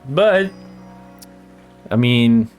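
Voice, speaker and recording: A man's voice: mid-range voice, animated, very slow, faint music behind. A man giving laid-back let's play commentary, laughing and swearing often as he plays. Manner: laughing, profane banter. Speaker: gaming streamer.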